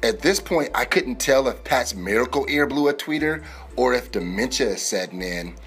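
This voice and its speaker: A man's voice: medium pitch, lively intonation, normal speed, a bit bright, breathy edge. A male podcast host delivers a scripted, comedic sports news monologue. He talks in slangy wisecracks, with music playing behind him. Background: music bed.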